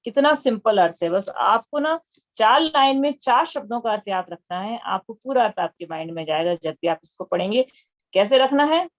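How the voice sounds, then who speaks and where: A woman teaching a devotional verse class online, patiently explaining pronunciation and meaning and chanting the lines slowly. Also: fairly high pitch, animated, highs cut off.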